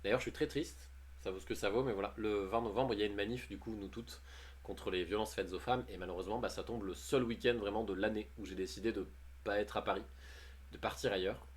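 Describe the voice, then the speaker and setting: A man's voice: fairly low pitch, steady tone, quick pace, slightly rough. A man chatting casually on a livestream, reading posts aloud and commenting on them with jokes and frequent laughs. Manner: chatty, jokey, often laughing. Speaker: streamer.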